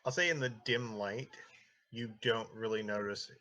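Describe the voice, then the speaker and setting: A man's voice: on the low side, moderate pace, pushed and bright. A man improvising narration as game master of a tabletop fantasy game, in a casual, conversational way.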